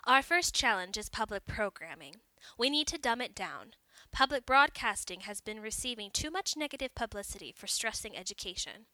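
A woman reading a story aloud, voicing a smug, condescending female government advisor who lectures slowly and pointedly. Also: mid-range voice, big pitch swings, sharp tone, no echo, poor audio. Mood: brisk.

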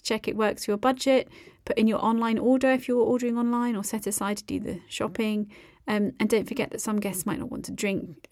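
A woman's voice: medium pitch, darkish tone, dry recording, clean studio sound. A woman hosting a podcast, talking casually through recipes and tips with plenty of fillers. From United Kingdom. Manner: friendly, chatty, with frequent um and uh fillers. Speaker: podcast host.

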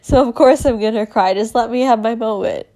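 A young woman speaking in an emotional personal monologue, halting with many fillers and laughing through tears. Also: on the high side, dark tone.

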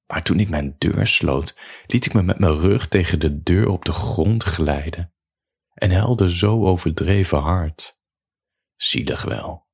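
Slow, deep, gravelly man reading aloud. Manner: slow, calm reading with pauses. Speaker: author reading his own audiobook. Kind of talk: bedtime audiobook reading.

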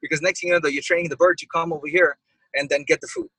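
A man, a restaurant owner, talking in a casual podcast interview, an excitable storyteller who acts out quotes. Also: on the high side, very fast, husky, no echo, poor audio. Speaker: pizza restaurant owner, guest.

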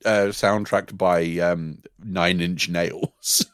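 A man in casual chat as a podcast co-host, with dry, deadpan complaints. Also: sits low, very slow, clear, resonant tone, no echo.

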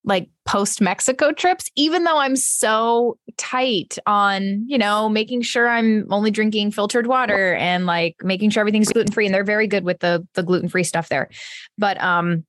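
A woman in her thirties chatting as a podcast co-host. Her pitch is average for a woman, and the talk is informal and conversational. The sound is dry, with hardly any room in it. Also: normal speed, a bit bright, no echo. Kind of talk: casual chat.

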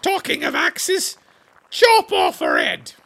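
A man putting on a cantankerous old noblewoman, screeching high above his own voice with a hoarse, gravelly edge. She barks and snaps, swinging wildly up and down, with a sharp, piercing tone, like a storybook read aloud. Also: expressive, moderate pace, exaggerated voice. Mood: snappish. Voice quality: hoarse growl. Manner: rude, barking, sing-song when singing. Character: bad-tempered shrieking old noblewoman. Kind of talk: storybook reading.

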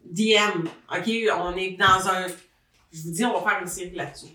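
A woman from Canada with a Québécois French accent, co-hosting a casual podcast and speaking lively and opinionated. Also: lowish voice, moderate pace, echoey room, recorded from a distance, low-quality recording. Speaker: podcast co-host. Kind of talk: casual chat.

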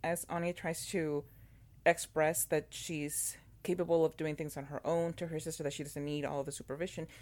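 Deep-voiced woman, talkative co-host, lots of restarts and fillers. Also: moderate pace. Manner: animated, many fillers and restarts. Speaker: podcast co-host. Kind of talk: casual chat about a TV show.

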